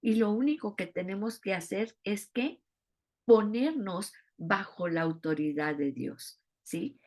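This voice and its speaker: A woman teaching a Bible study in an expressive way, often asking her listeners rhetorical questions. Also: mid-range voice, unhurried.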